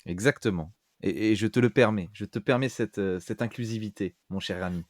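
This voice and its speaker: A man's voice: fairly low pitch, fairly quick, dry recording, clean studio sound. A man co-hosting a casual podcast, friendly, with mock-formal politeness. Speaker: podcast co-host. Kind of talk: casual chat.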